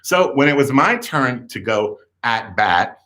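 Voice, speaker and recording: Camp, animated male comic storyteller. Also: medium pitch, measured pace. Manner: camp, animated, acts out voices with shrieks. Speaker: comedian. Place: at home, indoors. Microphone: camera in front.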